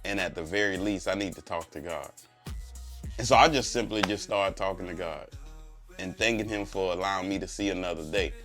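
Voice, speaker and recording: A man's voice: low-pitched, brisk, a bit bright. A slightly congested man giving a faith-filled motivational talk as a preacher, driving points home with repetition and rhetorical questions. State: congested, under the weather. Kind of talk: motivational speech, faith testimony. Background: music.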